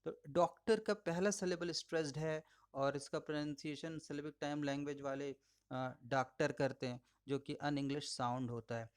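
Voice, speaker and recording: A man giving a recorded audio lecture, explaining patiently, addressing listeners as friends and slowing down to model words. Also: fairly high pitch, smooth. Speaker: English teacher.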